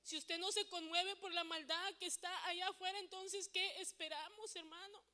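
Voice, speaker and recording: A woman with a high, bright voice preaching with fervent, pleading emotion. Her voice rings out in the long reverb of a church hall. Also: fairly even intonation, moderate pace. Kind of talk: impassioned sermon and prayer.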